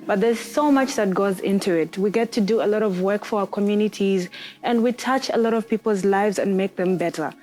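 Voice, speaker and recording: A woman's voice: mid-range voice, a little fast, a little mellow. Earnest young woman from Zambia. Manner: earnest, persuasive. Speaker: panel guest. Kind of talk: casual panel chat.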